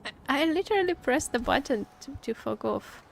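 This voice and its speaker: Over background music, a woman streams a video game and chats playfully with her viewers, exclaiming and joking often. Her voice is high-pitched with lively intonation and some vocal fry.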